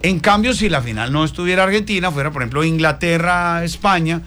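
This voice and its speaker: A man's voice: on the high side, brisk. A man hosting a sports radio show, animatedly quizzing his co-hosts in casual debate. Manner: animated, quizzing co-hosts, reads sponsor promo.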